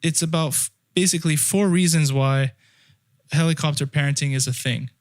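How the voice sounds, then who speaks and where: Speaking at a moderate pace in a fairly high voice, a young man co-hosts a podcast. He grew up in France and thinks out loud in casual conversation, restarting phrases while he explains, and the studio recording carries no room sound.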